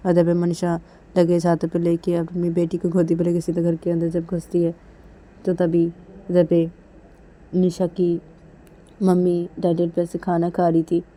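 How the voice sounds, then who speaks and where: A woman tells a story in a casual, unpolished way, going back over details. Her voice sits fairly low and stays quiet and even. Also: measured pace. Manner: plain, repetitive retelling. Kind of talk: casual spoken story narration.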